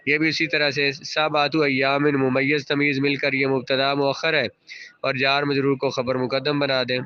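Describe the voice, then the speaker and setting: A man's voice: medium pitch, monotone, sharp tone, clear, resonant tone, dull audio. A male teacher giving a classroom grammar lesson, parsing sentences aloud and patiently quizzing students and repeating their answers.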